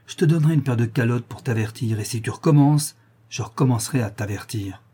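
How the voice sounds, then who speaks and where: A man's voice: medium pitch, fairly quick, dark tone, slightly rough, lightly acted. A man voicing a strong young man who holds back his anger and warns firmly, reading a novel aloud. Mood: stern anger. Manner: firm, controlled warnings.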